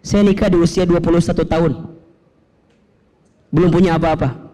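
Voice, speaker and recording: A man's voice: on the high side, steady tone, normal speed, mellow, poor audio. A man, preaching through a personal story with emotion and self-mocking humor. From Bogor area, West Java. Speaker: Islamic preacher. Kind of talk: storytelling sermon.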